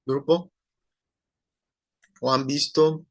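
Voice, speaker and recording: A teacher addresses his online class in a steady, rather high male voice, taking his time with a deliberate delivery. His talk wanders, full of pauses, filler words, and tag questions, and the audio is close and dry without any room sound.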